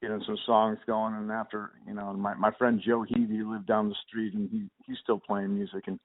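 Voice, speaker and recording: A man's voice: on the low side, flat delivery, normal speed. A man, a musician guest, chatting casually and rambling in an interview, often laughing at himself. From Northern California. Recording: tinny phone-like sound.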